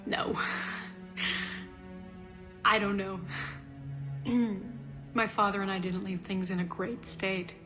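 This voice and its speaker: Woman playing a grieving young female scientist, video game dialogue, very slow, halting, emotional, game music clearly behind. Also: mid-range voice, steady tone, lightly acted.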